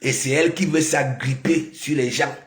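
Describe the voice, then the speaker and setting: A man's voice: mid-range voice, steady tone, normal speed, reverberant. A man giving scolding gossip commentary to his viewers, repeating himself and throwing in constant rhetorical "hein?" questions. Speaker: online commentator.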